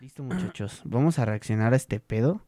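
Brisk and mid-range, this young man's voice carries a Mexican Spanish accent as he hosts a relaxed vlog conversation. He jokes around and uses slang while telling stories with plenty of energy.

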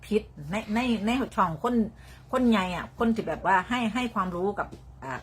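An older woman with a Northeastern Thai Isan accent hosts a casual livestream from her phone, her medium-pitched voice expressive and moderately paced. She rambles, loops back to repeat herself, and bursts into laughter. A faint hum runs beneath her speech.

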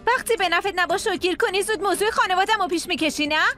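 A woman's voice: very high voice, pushed and bright, soft background music. An actress dubbing a hurt young wife who answers her husband defensively and reproachfully. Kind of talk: Persian dub of a TV drama.

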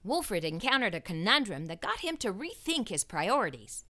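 A woman narrates a children's storybook aloud, reading expressively in a mid-range voice at a moderate pace.

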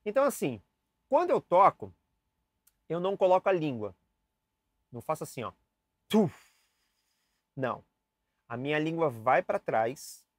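Man, saxophone teacher, casual lesson, talks to the viewer, fairly high voice, dry sound. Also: very animated, normal speed, pauses often, no room sound. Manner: chatty, demonstrative, addressing the viewer directly. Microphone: camera mic, switching cameras.

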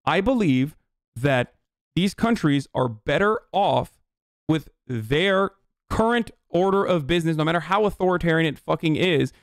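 A man in his thirties from Turkey, ranting bluntly and profanely as a political streamer in a heated livestream commentary, at home on a boom-arm studio mic. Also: animated, moderate pace, no room sound. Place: home room, indoors.

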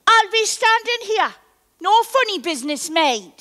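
Very high, excitable club wife played by a woman. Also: measured pace, full character voice. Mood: chatty, flustered. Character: gullible, excitable working-class club wife. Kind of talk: broad stage comedy acting. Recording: live theatre stage performance.

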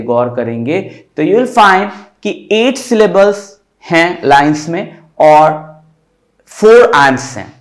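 A man teaching an exam-prep lesson on poetic meter, explaining step by step and asking rhetorical questions. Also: fairly high pitch. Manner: reads verse slowly, syllable by syllable.

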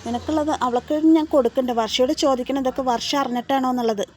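A woman voicing an angry young man who shouts and accuses his family in a retold TV serial. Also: sits high, steady tone, quick pace, a little hiss or hum, natural voice.

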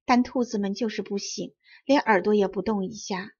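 A woman reading a children's story aloud in clear, carefully enunciated storybook narration. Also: mid-range voice, normal speed, a little mellow, highs cut off. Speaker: audiobook reader.

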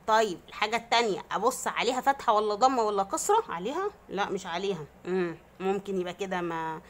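With a medium-pitched, slightly bright voice, a primary school teacher with an Egyptian Arabic accent gives young children a grammar lesson. She's patient, poses and answers her own questions, and draws out vowels to model long sounds.

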